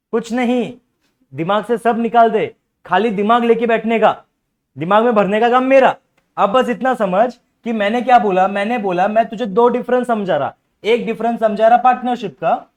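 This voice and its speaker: In a commerce class lecture, a young man with a voice that sits high speaks at normal speed. He repeatedly questions his students and encourages them to bring up doubts.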